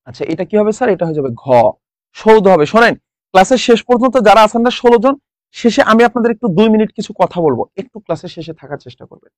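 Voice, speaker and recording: A man's voice: sits high, animated, quick pace, no echo. A young man from Bangladesh teaching a live exam-prep class online, quizzing students and repeating the answers. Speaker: online tutor.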